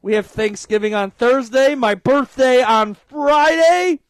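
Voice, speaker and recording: A man in his thirties co-hosting a casual sports talk show, excitable and swearing, often shouting with excitement. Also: very high-pitched, a little slow, clean tone, no room sound. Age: 30s. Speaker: podcast co-host.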